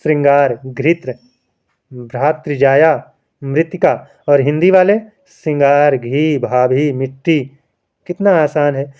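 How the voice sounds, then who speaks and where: A man's voice: on the high side, unhurried, smooth, muffled recording. Man teaching, lots of "right, friends?". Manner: keeps asking rhetorical questions, repeats "है ना दोस्तों". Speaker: Hindi teacher. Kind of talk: exam-prep lesson.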